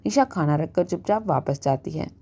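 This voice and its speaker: A woman narrating a scripted family story in a steady storybook reading. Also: low-pitched, normal speed, slightly rough.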